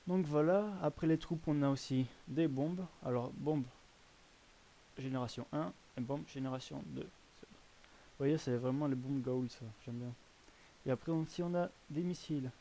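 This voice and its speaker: A man's voice: fairly high pitch, unhurried, vocal fry, warm tone, a little hiss or hum. A man hosting casual gameplay commentary on a browser game, rambling and hesitant, often correcting himself. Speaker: host presenting a browser game.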